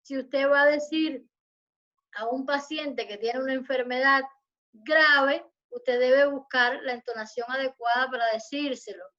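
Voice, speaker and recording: A woman lecturer giving an online university class, explaining in a measured way and addressing her students formally. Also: sits high, fairly even intonation, sharp tone, dull audio. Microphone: video call.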